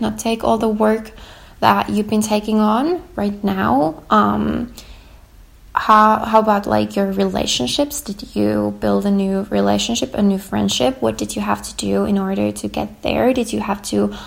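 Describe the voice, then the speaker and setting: On her podcast, a young woman at medium pitch walks listeners gently through a reflection exercise. She keeps saying "like" and "um" as her hoarse voice gives out.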